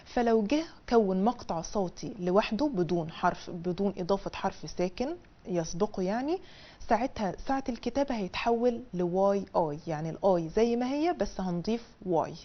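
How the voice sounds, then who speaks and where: A woman with an Egyptian Arabic accent teaches a televised language lesson, explaining each point patiently in a colloquial, conversational way. Her voice sits at a middle pitch. The broadcast audio sounds slightly dull and lo-fi. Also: expressive, brisk. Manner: drills syllables in a high sing-song, then explains in colloquial Egyptian Arabic. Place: television studio.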